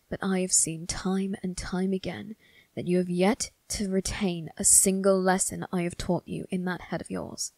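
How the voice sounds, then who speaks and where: Woman voicing Kaz Brekker, a husky, slow-spoken vampire. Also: on the low side, no room sound. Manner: slow, deliberate, measured taunting. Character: cold, menacing male vampire crime boss, condescending and possessive. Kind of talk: ASMR roleplay monologue addressed to the listener.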